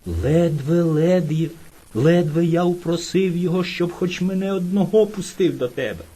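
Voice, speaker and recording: A woman voicing a timid but cunning little male hare in a folk-tale reading, speaking politely and with flattery. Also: on the low side, normal speed, slightly rough. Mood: sly. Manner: polite, fawning, sly.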